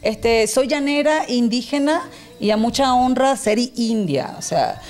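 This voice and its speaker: A woman's voice: a little high, animated, measured pace, darkish tone, faint music behind. A Venezuelan woman in her thirties, a guest on a studio talk show, talking in a playful, rambling way into a handheld mic. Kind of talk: casual studio chat. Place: TV studio set.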